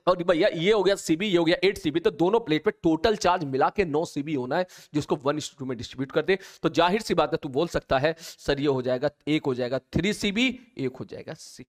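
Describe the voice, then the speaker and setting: A man's voice: on the high side, moderate pace. A man teaching physics, working through capacitor problems step by step and voicing the students' answers himself. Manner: talks to students directly, mimics their replies. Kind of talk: explaining capacitor problems on a board.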